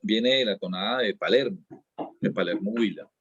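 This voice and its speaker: A man's voice: fairly low pitch, normal speed, fairly bright tone, slightly rough, no echo, muffled recording. A man, a dance teacher being interviewed, explaining at length in a casual way and often restarting and repeating his words.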